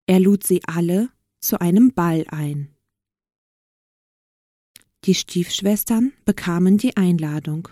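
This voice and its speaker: A woman's voice: fairly low pitch, takes it slowly, long pauses, mellow, no echo, clean studio sound. A woman narrating a fairy tale aloud in simple, carefully phrased sentences for learners. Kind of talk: slow storybook reading for learners.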